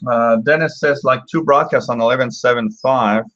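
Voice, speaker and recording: A man talks casually as the host of a hobby radio live stream. His medium-pitched voice is halting and explanatory, with slightly dull, lo-fi sound. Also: background noise. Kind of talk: casual live commentary, answering viewers.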